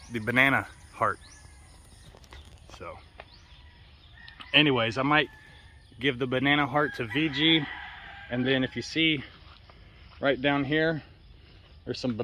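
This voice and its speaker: Out in a yard, this American vlogger talks loosely and offhandedly, cursing without restraint. His mid-range voice comes across pushed and bright. The noisy outdoor audio is full of birds, roosters and ambient sound.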